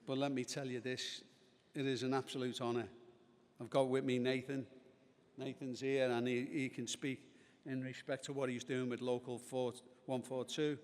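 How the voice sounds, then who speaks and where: Hoarse Australian union man in a hall. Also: mid-range voice, little pitch movement, normal speed. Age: older. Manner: rousing, rising to shouted emphasis. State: losing his voice. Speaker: union speaker. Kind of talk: keynote speech. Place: large convention hall. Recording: reverberant convention hall.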